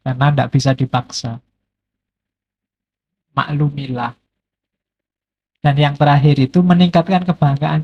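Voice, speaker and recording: A middle-aged male philosophy lecturer with a breathy edge and a voice on the high side teaches in a relaxed, joking, conversational way, using playful examples. The casual lecture is captured in dull lo-fi audio.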